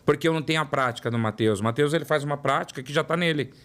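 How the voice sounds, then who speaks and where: A product development director from São Paulo, Brazil, a man in his forties, is a guest in an interview, telling his career story and repeating words for emphasis. He speaks São Paulo Portuguese in a fairly high, fairly bright voice at a rapid-fire pace.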